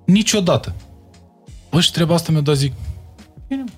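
A young man with a Moldavian Romanian accent chats casually as an interview guest, repeating words to drive his points home. His voice sits on the high side, expressive with a breathy edge, over soft background music.

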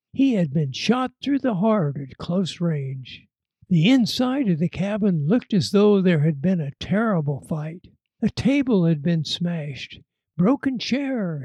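A man telling a frontier tale aloud in a dramatic, lively storytelling manner. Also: high-pitched, breathy edge, no echo. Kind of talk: told tall tale.

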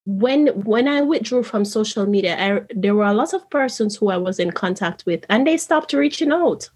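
A woman's voice: mid-range voice, animated, moderate pace, darkish tone, husky. A woman from Jamaica, an interview guest and author, telling her story in an earnest, reflective way. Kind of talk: conversational interview.

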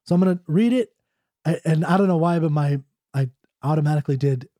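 In clean studio sound with no echo, a man with a slightly high, brisk, warm voice chats about an old ballad, then reads it aloud in a mock Scottish accent. His casual explanation and poetry reading are peppered with "you know" and "right?".

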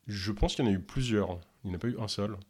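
A man from Ontario who speaks French with no accent, answering interview questions in a halting way with many fillers. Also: lowish voice, a little mellow, husky. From Canada, Ontario. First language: English. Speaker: podcast host and health coach.

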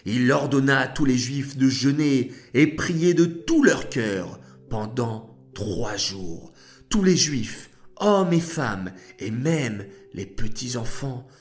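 A man narrating a children's story in a slow, deliberate storytelling voice. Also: medium pitch, animated. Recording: faint background music.

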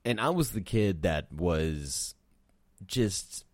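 A young man co-hosting a podcast in casual chat, goofy and joking, quick to make fun of himself. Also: sits low, expressive, no room sound. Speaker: podcast co-host.

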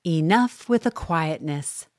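A woman reading a humorous newspaper column aloud in a wry, measured, dryly humorous way. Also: sits low, animated, a little mellow, no echo, clean studio sound.

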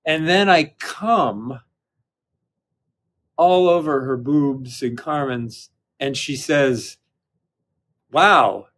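A man speaking as an interview guest in casual conversation, halting and often restarting his sentences. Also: mid-range voice.

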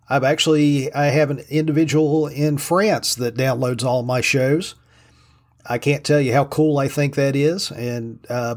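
Self-deprecating man with an Appalachian hillbilly drawl. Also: a little high. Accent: Southern US hillbilly drawl, Appalachian-like. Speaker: solo podcast host. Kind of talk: casual podcast monologue.

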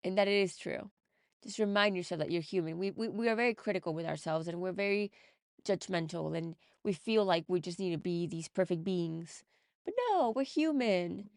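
A woman's voice: medium pitch, clear, resonant tone, dry recording, studio quality. A woman hosting her own podcast as a mindset coach, talking earnestly and emphatically to encourage her listeners. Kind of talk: motivational podcast monologue.

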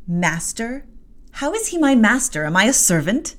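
A woman's voice: on the high side, big pitch swings, normal speed, voice pushed up. A woman doing a defiant, angry young girl.

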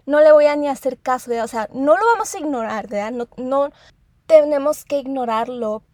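A woman giving a reflective self-help talk, gently repeating her points and checking in with listeners. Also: high-pitched, no room sound.

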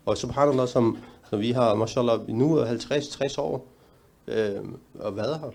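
A middle-aged man answering a question at a talk, earnest and measured, sometimes restarting a sentence. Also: medium pitch, vocal fry, darkish tone. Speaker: panel speaker.

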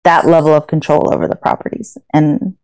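A young woman co-hosting a podcast, her voice mellow and smooth. She chats loosely, with frequent fillers and self-corrections. The recording is dry and close. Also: low-pitched, level tone, fairly quick, no room sound, poor audio. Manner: chatty, with frequent fillers and restarts. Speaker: podcast co-host. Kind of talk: casual podcast conversation.

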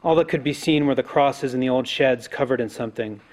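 A man's voice: medium pitch, brisk. Male poet at a live reading; grave, intense delivery with chanted repetitions. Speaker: poet reading a translated poem.

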